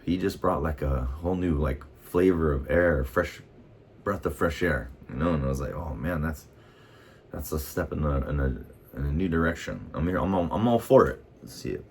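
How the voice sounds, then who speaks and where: Man, American, casual vlog rant, heated and profane, extremely deep voice. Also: lively intonation, moderate pace, a little hiss or hum. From United States. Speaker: vlogger. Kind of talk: casual ranting monologue.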